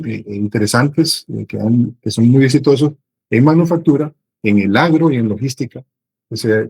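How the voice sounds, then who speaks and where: Husky middle-aged man from Honduras. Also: medium pitch, poor audio. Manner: thoughtful, with many pauses and restarts. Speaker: business strategy consultant. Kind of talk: interview answers.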